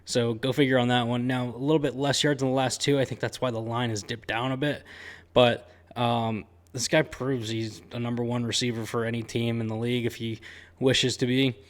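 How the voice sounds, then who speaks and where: A man's voice: medium pitch, flat delivery, a little fast. A man hosting a sports betting picks show, talking casually and upbeat, with slangy sports talk and lots of "um" and "uh" fillers. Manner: chatty and upbeat, with frequent "um" and "uh" fillers.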